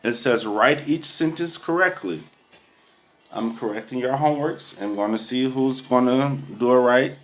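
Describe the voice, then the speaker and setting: In a comedy skit, a woman with a rumbling low voice plays a patient but firm schoolteacher, speaking at normal speed. She drills grammar and scolds a pupil for laughing at classmates, correcting patiently and lecturing on humility.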